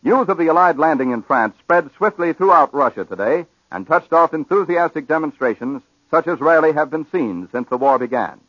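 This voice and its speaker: Man, formal measured newsreader, old 1940s radio broadcast sound, muffled lo-fi, dry. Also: a little high, expressive, dry recording. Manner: measured, formal announcer delivery. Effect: old 1940s radio broadcast, archival newsreel sound. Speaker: news announcer.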